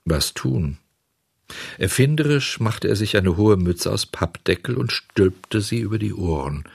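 Low gravelly storybook narrator man. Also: expressive, a little slow, dry recording, studio quality. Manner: warm storytelling, addressing listeners. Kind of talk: storybook reading.

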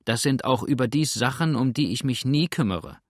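A man's voice: medium pitch, animated, moderate pace, no room sound, clean studio sound, voice pushed up, close to an everyday voice. A man reading aloud as a grumbling, blunt old male boatswain in a storybook. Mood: gruff.

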